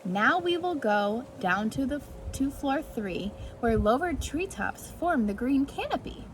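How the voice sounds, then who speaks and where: A woman with a high voice and big pitch swings reads a rhyming picture book to preschoolers at a slightly slow pace. Her sing-song delivery is aimed at young children, and she drops in brief asides during this storytime. The clip is a clearly noisy amateur recording.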